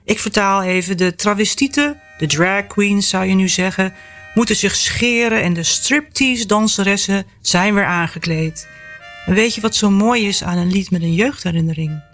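A woman author reading from her own novel, then talking about the memories behind it in a lively, storytelling way. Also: medium pitch, moderate pace, soft background music. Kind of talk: novel reading and personal reflection.

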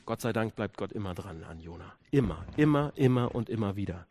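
A male pastor preaching a sermon, dropping to hushed low stretches, then rising into emphatic repeated questions. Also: expressive, fairly quick, background noise.

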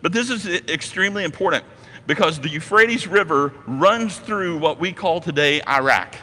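Bright-voiced man preaching in a reverberant hall. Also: on the high side, expressive, moderate pace. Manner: emphatic storytelling with repeated phrases. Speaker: pastor. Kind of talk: sermon.

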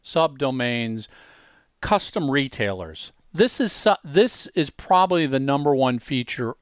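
A male podcast host with a mid-range, sing-song voice speaks in a conversational demo manner. He is emphatic yet halting, repeatedly restarting words. The tone is clean, with no echo, at studio quality.

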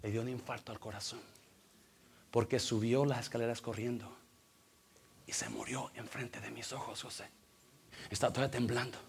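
A man preaching a sermon in a church, telling a story with big swings from loud to hushed. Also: mid-range voice, steady tone, normal speed, creaky, long pauses, slight background noise. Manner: emotive, swings from loud to hushed, mixes in English fillers. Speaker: pastor.

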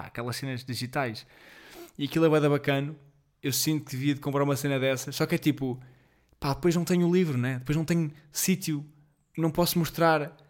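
A man in his twenties with a fairly high, darkish voice and a European Portuguese accent full of Lisbon slang hosts a casual solo podcast. He rambles with lots of fillers, is self-deprecating, and apologizes for being jittery and off rhythm.

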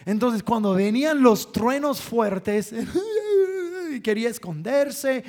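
High-voiced, slow preaching man. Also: animated, a little mellow. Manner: emphatic, repeats phrases, chuckles between points.

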